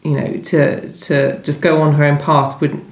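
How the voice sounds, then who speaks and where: A woman novelist being interviewed about her book answers in a conversational way, thinking aloud and rephrasing as she goes. Her voice is deep and level, and she speaks unhurriedly in a roomy, echoing indoor space.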